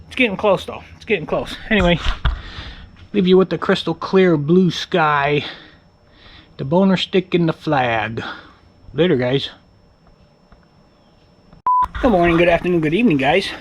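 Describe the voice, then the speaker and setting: A man chats casually to his camera outside in his sunny backyard, wandering from thought to thought and circling back on himself. His voice sits a little high for a man. Faint outdoor ambience hums under him. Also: slight background noise, low-quality recording. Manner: rambling, repeats himself, many fillers. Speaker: vlogger. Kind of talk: casual vlog chat.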